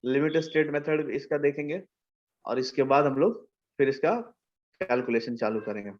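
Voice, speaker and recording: A man's voice: mid-range voice, moderate pace, dull audio. A man teaching an engineering class, asking questions and answering them himself. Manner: asks and answers his own questions, mixing in English terms. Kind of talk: engineering lecture.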